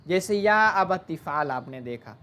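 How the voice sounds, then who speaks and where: A teacher giving an online Arabic grammar lesson, explaining slowly, mixing in English terms, and asking the class questions before answering them. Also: medium pitch, expressive, a bit bright.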